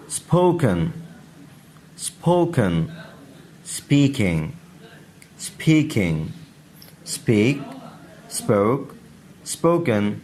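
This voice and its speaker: A man drills English words for beginners. He speaks at a very slow, deliberate pace, saying each verb form twice. He stops to correct common mispronunciations. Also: lowish voice. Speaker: English teacher. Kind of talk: slow pronunciation drill lesson.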